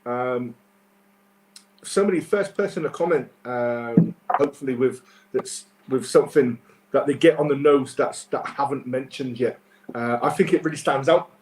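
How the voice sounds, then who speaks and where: A man presenting sommelier-style tasting notes on a live webcast, informal and halting as he lists aromas and flavours. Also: mid-range voice, a little mellow, reverberant, slight background noise, low-quality recording.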